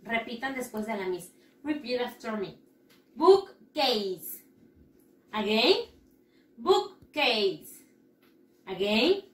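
A woman primary school teacher giving a recorded lesson, patient and slow as she drills repetition. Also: a little high, sing-song. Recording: echoey room, mic at a distance.

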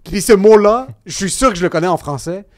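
Animated Québécois man telling stories. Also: high-pitched, brisk. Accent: Québécois French. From Quebec. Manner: animated, self-mocking storytelling with frequent swearing. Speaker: comedian guest. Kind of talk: casual podcast chat.

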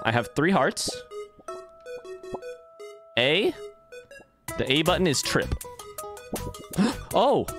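A man chatting loosely while playing a video game, swearing freely and joking with his chat. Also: mid-range voice. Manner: loose and profane, jokey. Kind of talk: casual let's-play commentary. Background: game music.

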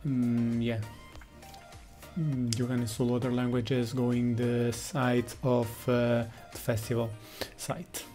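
Slow, hesitant man explaining software. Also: mid-range voice, monotone, faint music behind. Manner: hesitant, many fillers, searching for words. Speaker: software tutorial presenter. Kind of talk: screen-recorded coding walkthrough.

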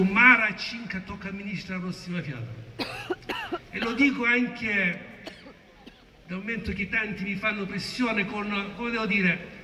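A man with a southern Italian accent from Salento giving a booming, declamatory political speech at an outdoor rally. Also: sharp tone. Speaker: local politician addressing a rally. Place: open town square at night, far from the camera. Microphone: distant phone camera picking up the speech. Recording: echoey, distant, noisy outdoor phone recording.

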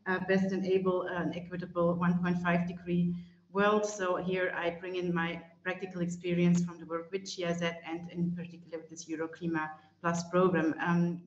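A woman presents to a webinar over a video call, her pitch staying flat and narrow. She speaks hesitantly, with many "uh" fillers and restarts. The audio is roomy and echoey, with a dull, muffled tone. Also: moderate pace. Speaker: panel speaker, climate expert.

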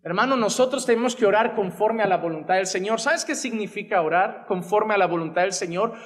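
A pastor's voice sits high, a bit bright and a little fast, trailing a long reverb tail. He's a man in his thirties from Spain with a Spanish accent, preaching passionately with wide arm gestures behind a wooden pulpit on a church stage, into a pulpit gooseneck mic.

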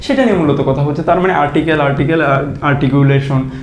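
High-voiced man teaching in an echoey room. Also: a little hiss or hum. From Bangladesh. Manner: lively, questioning, repeats and stretches words slowly to show pronunciation. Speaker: English vocabulary teacher. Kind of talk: explanatory lesson.

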